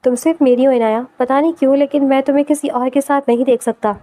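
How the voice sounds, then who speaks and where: Woman doing a gently lowered young professor, mellow tone, soft and affectionate, possessive, storybook romance. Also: fairly even intonation, natural voice.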